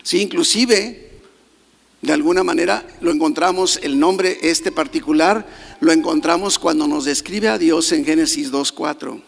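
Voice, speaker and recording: A man preaches from the pulpit, his high voice carrying a gravelly edge. He stresses his points and keeps checking in with the congregation. The sound rings with the long reverb of a church hall. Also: measured pace. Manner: emphatic, questioning the congregation. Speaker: pastor. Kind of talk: sermon.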